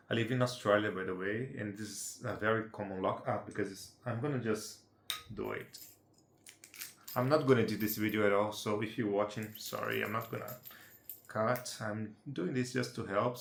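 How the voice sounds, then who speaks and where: Low and creaky yet fairly bright, the voice belongs to an amateur how-to presenter from Brazil who speaks English as a second language with a Brazilian Portuguese accent. The roomy recording carries a little hiss or hum. His walkthrough is casual and unedited, and he chats along, tossing in "right?" and "yeah?" to check in with the viewer.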